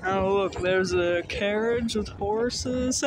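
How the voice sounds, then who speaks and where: Deadpan man on a noisy wagon ride. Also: high-pitched, slow pace. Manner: dry, deadpan, mock-enthusiastic. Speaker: vlogger. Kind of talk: casual sarcastic narration. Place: outdoors at night on a hay wagon ride. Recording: vehicle noise outdoors.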